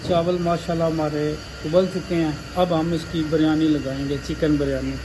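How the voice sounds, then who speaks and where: Cook guy in his 30s walking thru a biryani recipe, calm, bit high voice, noisy outdoor kitchen. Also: normal speed. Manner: calm step-by-step explaining. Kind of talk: cooking demonstration. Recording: clear background noise.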